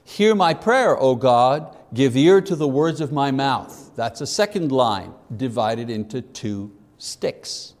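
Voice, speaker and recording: A man giving an informal Bible lesson, unhurried, often checking with listeners and filling pauses with "uh". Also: mid-range voice, animated, darkish tone. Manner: unhurried, asks listeners "okay?", fills gaps with "uh". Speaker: Bible teacher. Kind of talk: informal classroom lecture. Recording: long hall reverb.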